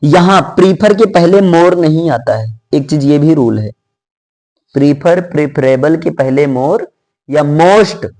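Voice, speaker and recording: Man teaching grammar in a high voice. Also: expressive, darkish tone. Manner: explains by asking and answering his own questions; reads example sentences slowly and deliberately. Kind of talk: casual classroom explanation.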